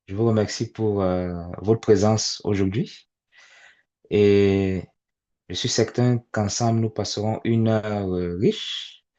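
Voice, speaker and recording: A low-pitched man in his forties leads a webinar for parents. His talk is halting and full of fillers and repeated words, and it comes through dull, lo-fi video-call audio. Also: mellow. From immigrant to Canada. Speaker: webinar facilitator.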